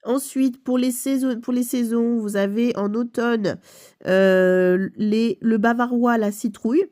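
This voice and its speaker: A woman's voice: fairly high pitch, fairly even intonation, measured pace, dark tone. A woman with a stuffy nose from a cold, explaining a game casually with many fillers and self-corrections. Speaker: video game channel host.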